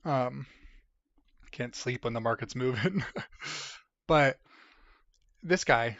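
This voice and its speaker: A man's voice: mid-range voice, extremely slow, fairly bright tone, no room sound, highs cut off. A tired, sleepy man hosting a casual livestream, from the United States, rambling as he reads chat aloud. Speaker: livestream host.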